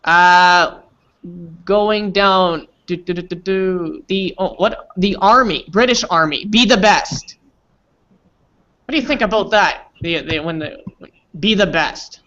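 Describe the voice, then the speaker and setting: Bright-voiced teacher man on a call. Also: sits high, takes it slowly. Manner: chatty, quizzing students. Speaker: English teacher hosting online class. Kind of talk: casual class discussion. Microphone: video call. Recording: dull lo-fi call audio.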